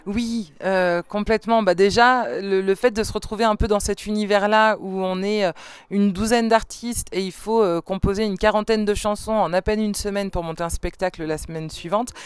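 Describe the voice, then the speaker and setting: A French-speaking band singer and songwriter answers interview questions thoughtfully and hesitantly, full of fillers and restarts. Her mid-range voice is smooth and steady at a moderate pace, recorded on a studio microphone with no echo.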